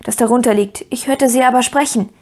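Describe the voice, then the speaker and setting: A woman's voice: fairly high pitch, steady tone, fairly quick, a little mellow, lightly acted. A woman reading an audiobook, voicing an eager, earnest young boy who talks in urgent, breathless bursts. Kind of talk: audiobook character voice.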